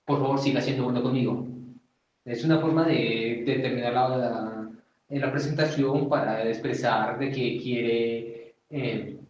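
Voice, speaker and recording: Male teacher, hesitant and unhurried, mid-pitched, recorded far off in a boomy room. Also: steady tone, a little mellow, slight background noise. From Colombia. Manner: hesitant, many fillers, slow and deliberate. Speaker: Japanese teacher. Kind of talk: informal language lesson. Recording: far from the mic in an echoey, dull-sounding room.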